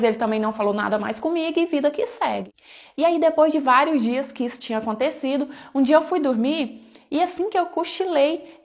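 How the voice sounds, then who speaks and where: A woman with a Brazilian Portuguese accent telling a personal story in a casual, chatty first-person storytime style, often tossing in conversational fillers. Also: high-pitched. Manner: chatty, conversational, often adds "né" and "falou assim".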